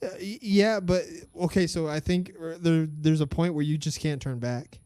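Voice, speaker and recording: A man's voice: fairly high pitch, steady tone, normal speed, mellow, smooth, dry recording. A man hosting a podcast in casual chat, talking bluntly and swearing often. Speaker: podcast host.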